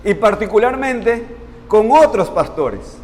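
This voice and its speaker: A man's voice: sits high, lively intonation, slow pace, a little mellow, in a large hall. A man preaching a sermon to his congregation in an earnest, explanatory way, often calling them brothers. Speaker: pastor. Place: church sanctuary.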